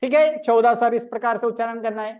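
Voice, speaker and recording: A woman's voice: a little high, fast talker, darkish tone. A woman teaching a grammar lecture, methodically counting aloud and drilling each sound one by one. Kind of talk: online lecture.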